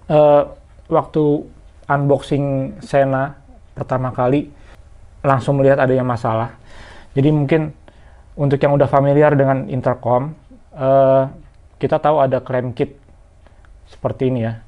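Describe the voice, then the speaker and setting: This motorcycle gear reviewer, a man with a medium-pitched voice on a lo-fi recording, walks viewers through a product in a relaxed, conversational way, explaining as he goes.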